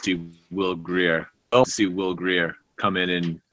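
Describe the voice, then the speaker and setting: A man's voice: low voice, flat delivery, slow pace, sharp tone. A young man on a video call chatting casually about football, musing and hesitant. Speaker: football coach, clinic guest. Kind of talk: casual chat.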